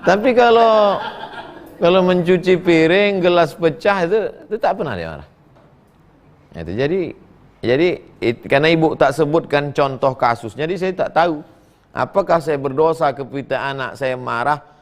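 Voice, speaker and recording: A middle-aged man preaching, reading listeners' questions and answering them in a folksy, joking way, his voice swinging between high and low as he acts out quotes. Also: lively intonation, normal speed. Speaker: Islamic preacher. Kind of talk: sermon answering read-out questions.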